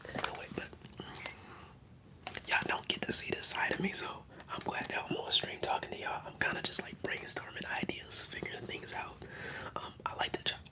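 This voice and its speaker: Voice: fairly quick, poor audio. An ASMR streamer whispering in a casual, rambling, slangy way while chatting on a livestream. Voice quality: whispered, mostly unvoiced.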